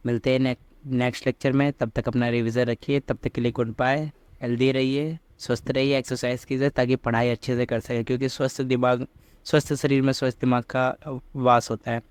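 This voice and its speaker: Male tutor, measured and even, clear tone, quizzes himself as he teaches. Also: medium pitch, dry recording. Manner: patient, asks and answers himself. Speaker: language teacher. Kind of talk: slow step-by-step script lesson.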